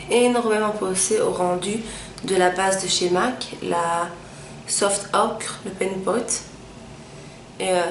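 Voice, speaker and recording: A young woman chatting her way through a makeup tutorial, pausing often with little fillers as she explains each step. Her voice bounces around a roomy, echoey space, with a faint hum of ambient noise underneath. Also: mid-range voice. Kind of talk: casual makeup tutorial narration.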